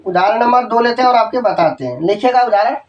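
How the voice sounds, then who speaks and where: A man teaching an English grammar lesson, dictating example sentences slowly, spelling words letter by letter and checking that students follow. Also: extremely high pitch, expressive, far from the mic, dull audio. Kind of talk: Hindi-medium grammar lesson.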